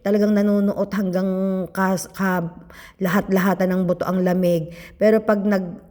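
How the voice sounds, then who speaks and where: A middle-aged Filipino woman, a little hoarse from a cold, chatting and gossiping to viewers while eating on her food vlog. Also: medium pitch, little pitch movement, normal speed, dark tone, in a large hall. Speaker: food vlogger. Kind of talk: casual eating vlog chat.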